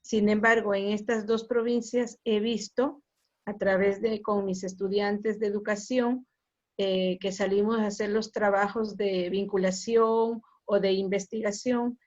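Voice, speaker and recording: Ecuadorian lecturer on a muffled video call. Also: female voice, mid-range voice. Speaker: university lecturer asking a question. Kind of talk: participant question on video call.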